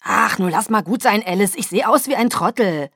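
A gruff middle-aged father, loud and grumbling in his embarrassment, as a woman voices him for an audiobook. The voice sits dry and close. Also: mid-range voice, expressive, brisk, dry recording, heavily acted.

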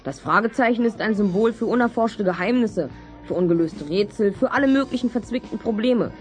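A man's voice: high-pitched, fairly quick, soft background music, close to an everyday voice. A male actor playing a curious, articulate boy detective in an audio drama, speaking precisely and confidently. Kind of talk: German audio drama acting.

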